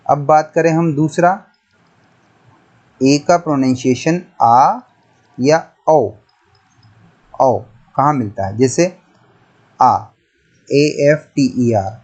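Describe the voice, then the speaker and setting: In a classroom-style English grammar lesson, a man explains pronunciation methodically and repetitively, spelling words out letter by letter. His voice is mid-range with a darkish tone, and the audio sounds dull.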